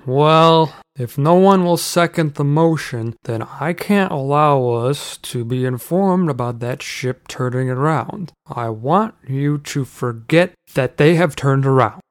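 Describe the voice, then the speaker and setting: A man's voice: fairly high pitch, takes it slowly, few pauses, no room sound, clean studio sound. A man voicing a pompous, self-important male village official in an audio drama. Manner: pompous, bureaucratic.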